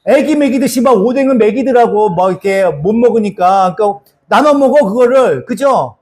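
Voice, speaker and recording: Male pastor, high-pitched voice, conversational sermon, rhetorical questions. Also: animated, brisk, darkish tone. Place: church sanctuary.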